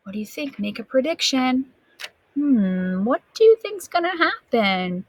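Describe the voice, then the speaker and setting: This rough, dry recording captures a high-voiced female teacher sharing a picture book with small children. Her delivery is full of theatrical gasps and stretched-out words, and she breaks off now and then to quiz the kids.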